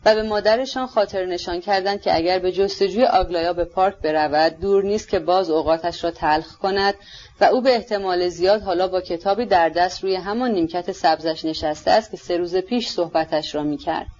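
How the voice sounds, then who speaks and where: A woman reading a novel aloud in a steady, even way, in a dull lo-fi recording. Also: on the low side. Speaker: audiobook reader.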